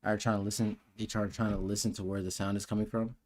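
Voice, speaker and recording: A man's voice: lowish voice, little pitch movement, quick pace, a little hiss or hum. A man hosting a livestream reaction, talking in slangy, incredulous, joking asides. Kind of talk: casual reaction commentary. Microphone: earphones on, desk setup.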